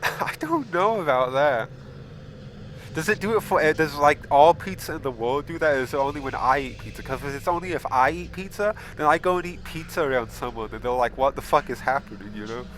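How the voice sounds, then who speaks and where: A man hosting a casual gaming video, reading questions aloud and answering them bluntly, with frequent swearing and loud exasperated outbursts. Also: fairly high pitch, expressive, brisk, a little hiss or hum. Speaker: gaming channel host. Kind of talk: casual game commentary.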